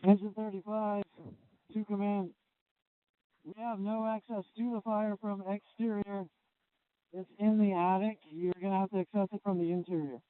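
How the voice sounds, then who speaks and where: A man's voice: high voice, level tone, normal speed. A man talking as a firefighter over a two-way radio. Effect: two-way radio transmission. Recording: muffled band-limited radio transmission.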